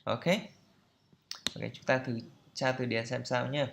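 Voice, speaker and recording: A male teacher runs a pronunciation lesson at an unhurried, deliberate pace. He explains each point patiently and says every example word several times so listeners can copy it. His voice sits in an ordinary middle register. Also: mid-range voice, flat delivery, vocal fry, fairly bright tone, a little hiss or hum. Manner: repeats English words slowly for drilling.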